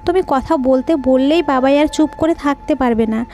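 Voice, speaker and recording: A woman's voice: sits high, moderate pace, a little mellow, soft background music, lightly acted. A woman voicing a grieving little girl pleading tearfully with her silent father in an audio story.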